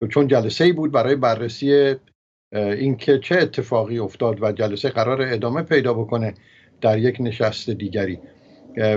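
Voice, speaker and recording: A man hosting an interview, asking long winding questions with frequent pauses. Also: mid-range voice, darkish tone. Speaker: host. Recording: dull lo-fi sound.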